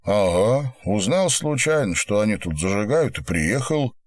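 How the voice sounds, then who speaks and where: A man's voice: lowish voice, big pitch swings, measured pace. A man voicing a young man out clubbing, talking in a casual, offhand way.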